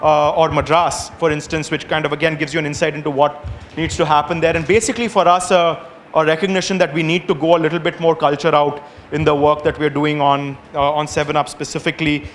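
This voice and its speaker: A man's voice: fairly high pitch, flat delivery, fast, a little hiss or hum. A man presenting to clients, phrasing things carefully and checking in with short questions. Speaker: advertising agency presenter.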